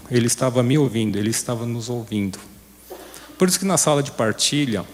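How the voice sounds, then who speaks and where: A man giving a conversational sermon to a recovery group, often turning to his listeners with questions. His pitch sits in the ordinary male middle. The long reverb of a church hall trails after his words. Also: a little mellow. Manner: conversational, asks the audience questions.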